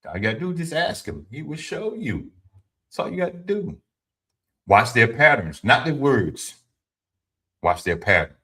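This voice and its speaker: A man's voice: mid-range voice, very animated, normal speed, long pauses, sharp tone. A man in his fifties giving informal, preachy advice to his livestream viewers, repeating his points and answering the chat. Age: 50s. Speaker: livestream host. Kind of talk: motivational talk to a live audience.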